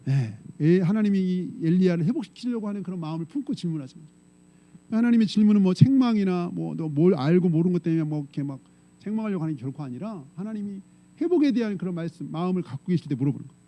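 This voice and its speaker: A man's voice: sits high, animated, fast, muffled recording. A male pastor preaching a conversational sermon to his congregation, often putting questions to them and answering himself. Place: church sanctuary.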